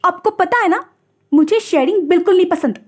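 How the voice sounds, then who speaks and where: A woman voicing a stubborn, spoiled boy who speaks angrily and quickly in a storybook. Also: very high voice, voice pushed up. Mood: demanding. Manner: angry, quick, demanding.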